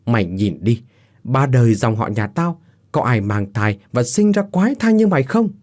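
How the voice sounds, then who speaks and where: A man's voice: fairly low pitch, animated, moderate pace, darkish tone, natural voice. A man playing a cruel, violent husband who barks threats in an audio story. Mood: furious. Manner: harsh, threatening.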